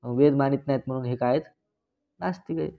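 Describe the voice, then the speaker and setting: A man teaching a religious scripture discourse, posing questions to his listeners and answering them himself, and slowly reciting Sanskrit passages. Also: medium pitch, gravelly. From Maharashtra. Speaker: Vedanta teacher. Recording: dull lo-fi recording.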